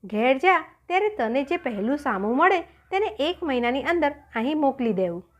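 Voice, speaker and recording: A gentle, fearsome lion, read by a woman. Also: high-pitched, sing-song, normal speed. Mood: commanding.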